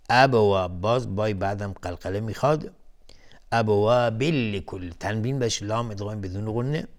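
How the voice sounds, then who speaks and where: A man with a fairly low voice leads a televised lesson on Quran recitation. He explains the rules in a measured way, naming each term one at a time. He sets off each verse with a slow chant at a raised pitch. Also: a little mellow. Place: TV studio.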